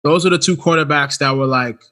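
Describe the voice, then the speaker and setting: A man co-hosting a podcast in casual chat, animated and quick to laugh while complaining about his team. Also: fairly high pitch. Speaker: podcast co-host.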